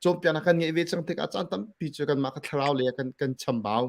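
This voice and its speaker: A man's voice: on the high side, very fast, creaky. A man speaking casually about church ministry, mixing English words into his talk. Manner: relaxed, mixes English words into speech.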